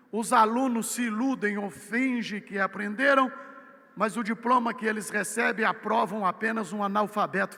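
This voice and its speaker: A Brazilian man with a Brazilian Portuguese accent preaching a sermon, swinging from loud emphatic peaks to low, quiet asides. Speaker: missionary preacher. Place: church. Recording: church hall with long reverb.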